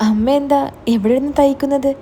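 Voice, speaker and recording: A woman's voice: high voice, steady tone, quick pace, mellow, slight background noise, natural voice. A woman voicing a stern young older brother who scolds and demands answers.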